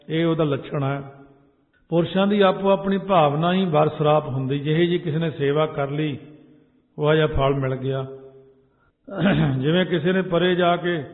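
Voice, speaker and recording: A Punjabi-accented man preaches a sermon, chanting scripture slowly before explaining it plainly. His voice sits on the higher side. It comes through a tinny, phone-like line with a long hall echo. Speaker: Sikh preacher expounding scripture. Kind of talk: sermon with sung verses.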